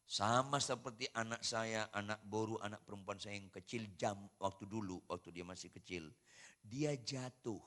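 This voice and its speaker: A middle-aged man preaching a sermon as a pastor, dropping to hushed asides and then shouting for emphasis. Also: fairly low pitch, normal speed.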